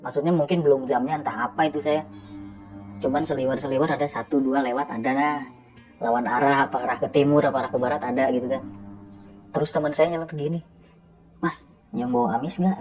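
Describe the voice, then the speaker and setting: A truck-driving man tells his story at a middle pitch. He talks casually and animatedly, often turning aside to address the listener. Soft music plays faintly behind him. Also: quick pace, rough recording. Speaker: truck driver guest.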